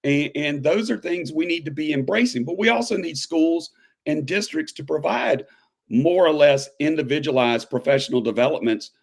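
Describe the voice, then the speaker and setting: Emphatic, animated male history teacher. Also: on the high side, normal speed, gravelly. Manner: animated, emphatic, building to pointed questions. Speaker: high school history teacher, guest. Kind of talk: conversational interview.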